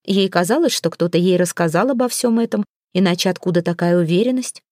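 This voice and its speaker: A woman reading a novel aloud as an audiobook narrator, with measured storytelling. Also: on the low side, mellow, no echo, studio quality. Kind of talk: scripted narration.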